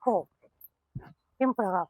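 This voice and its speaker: A woman's voice: mid-range voice, slow pace, a little mellow, slight background noise. A middle-aged woman, vlogging casually from an outdoor cow shelter and coaxing the cows in a sing-song voice. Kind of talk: casual vlog narration.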